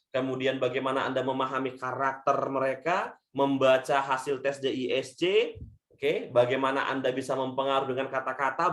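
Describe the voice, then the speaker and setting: Addressing his audience as friends again and again, an Indonesian leadership coach gives a webinar talk via video call, his delivery swinging from loud to soft. He says his natural voice is thin and shrill.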